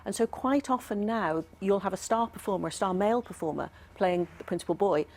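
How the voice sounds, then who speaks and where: A woman who is a professor appears as an academic expert guest in a studio interview. Her mid-range voice is brisk, and she explains things thoughtfully with some hesitation.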